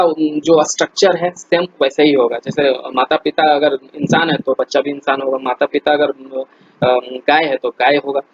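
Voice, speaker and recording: A man walks through quiz questions like a friendly tutor, chatty and loose, stopping often to restart his sentences. His voice sits a little high and sounds husky. The recording is dull and lo-fi. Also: no echo. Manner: chatty, many fillers and restarts, addresses viewers as friends. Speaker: teacher. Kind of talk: casual explainer lesson.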